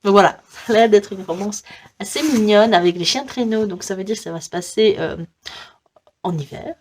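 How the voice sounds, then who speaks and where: A young woman with a French accent talks through her book wishlist in a relaxed vlog. She chats freely, fills pauses with hesitations and often breaks into small laughs. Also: medium pitch, slight background noise. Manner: chatty, many fillers and giggles, reads blurbs aloud. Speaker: book vlogger.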